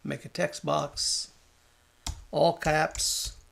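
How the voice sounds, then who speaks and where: A man talking through a design software tutorial, thinking aloud and muttering at the program as he works, with keyboard and mouse clicks behind him. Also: fairly high pitch, flat delivery, drawn-out words, creaky. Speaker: design instructor. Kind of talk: screen-recorded software tutorial.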